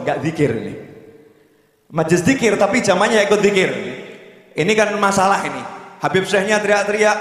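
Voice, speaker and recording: A man giving a religious lecture, telling stories and rising to loud urging. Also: on the high side. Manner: storytelling, rises to loud urging. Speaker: preacher. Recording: echoey hall with long reverb.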